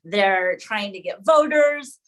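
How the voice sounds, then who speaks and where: Taking it slowly with lively intonation, a woman in a mid-range voice gives a casual presentation to fellow educators over an online video call. She talks through her thoughts and regularly corrects herself along the way.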